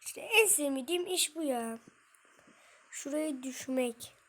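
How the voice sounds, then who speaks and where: A woman with a high, slightly bright voice speaks at a measured pace. She's a gaming streamer giving casual commentary, muttering and cursing at the game while chatting with her viewers.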